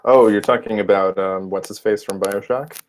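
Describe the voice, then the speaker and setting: Low-voiced man joking at the game table. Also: steady tone, normal speed, slight background noise. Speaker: player. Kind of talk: casual chat during a tabletop game.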